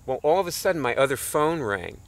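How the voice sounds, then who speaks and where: A middle-aged man whose voice sits a little high, very animated and brisk, tells a rambling story during a casual lecture, chuckling often and filling his speech with fillers and restarts. He is the founder of a nonprofit that teaches alternative healing.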